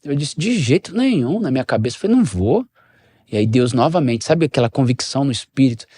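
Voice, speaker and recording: A man's voice: quick pace, no echo. A middle-aged man, a pastor, telling a personal story, acting out the dialogue. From Brazil. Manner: animated storyteller, shifts pitch and level, acts out dialogue. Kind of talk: storytelling in a podcast interview.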